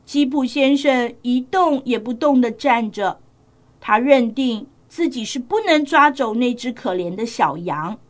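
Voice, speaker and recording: A woman telling a story to children in a gentle, coaxing manner, speaking directly to her young listeners. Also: on the high side, animated, measured pace.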